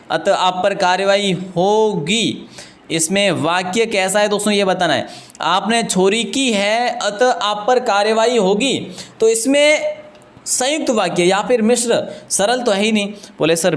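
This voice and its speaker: A man with a Rajasthani Hindi accent teaching a live online exam-prep class, chatty and joking as he talks to his students. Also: high-pitched. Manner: chatty and joking, often addresses students as friends.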